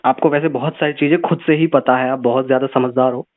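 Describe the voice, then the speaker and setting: A man's voice: mid-range voice, fairly even intonation, quick pace. Preachy man on a tinny phone call. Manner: earnest, preachy, repeats words for emphasis. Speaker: motivational channel host giving advice on a call. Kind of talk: casual advice phone call.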